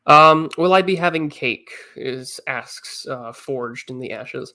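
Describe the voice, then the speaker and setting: Speaking slowly with vocal fry, this twenty-something streamer has a bright, forceful, mid-range voice. He's slightly congested as he chats casually, reading viewers' messages out loud and responding.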